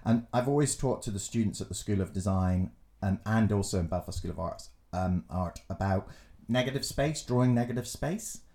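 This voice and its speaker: Guy on a podcast, lowish voice, tells stories, does little voices, swears and laughs a lot. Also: moderate pace. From Glasgow, Scotland. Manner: animated, acts out quotes, laughs often, swears. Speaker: podcast co-host and design teacher. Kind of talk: casual storytelling chat.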